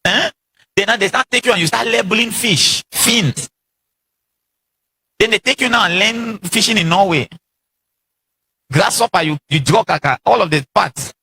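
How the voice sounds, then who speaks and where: Man, motivational seminar talk, bright husky tone, repeats and quizzes the audience. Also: high-pitched. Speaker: seminar speaker.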